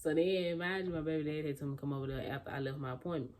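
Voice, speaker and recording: A young woman of eighteen casually telling a story to camera as a vlogger, animated and loose, with fillers and restarts, acting out what other people said. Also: low voice, racing, a little hiss or hum.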